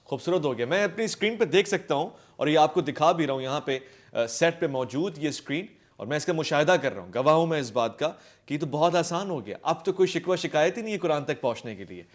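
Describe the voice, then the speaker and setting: A man's voice: a little high, expressive, hardly any pauses. A man with a Pakistani Urdu accent hosting a television talk show in a studio, full of praise and exclamations. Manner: effusive, frequent exclamations of praise. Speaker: TV show host.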